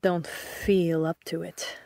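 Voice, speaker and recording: Brief: a bitter, curt scientist, slow-spoken, in a dry audio drama. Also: female voice, fairly low pitch, level tone, vocal fry, mellow, no room sound. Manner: curt, bitter, self-doubting. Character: Sam, a brooding injured scientist.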